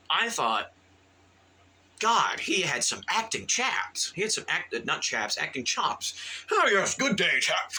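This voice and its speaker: A man's voice: mid-range voice, bright, forceful tone, low-quality recording. A man giving a casual, rambling movie review, full of fillers and restarts and eager in tone.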